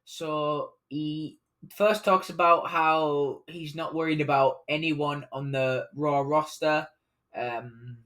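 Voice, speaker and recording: A man's voice: a little high, fairly even intonation, takes it slowly, a bit bright. A man giving a casual, unscripted recap of a wrestling show, rambling along with plenty of fillers and self-corrections.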